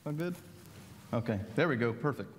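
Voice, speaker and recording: A man's voice: medium pitch, animated, a little fast, noisy background. A man preaching a sermon as pastor, talking conversationally with frequent asides and tag questions. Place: church sanctuary. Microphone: worship mic. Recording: long reverb of a church hall.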